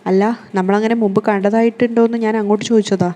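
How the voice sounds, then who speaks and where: A woman voicing a young male bank officer, reading his lines plainly within her fast recap of a television serial. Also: high voice, flat delivery, mellow, lightly acted. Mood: puzzled.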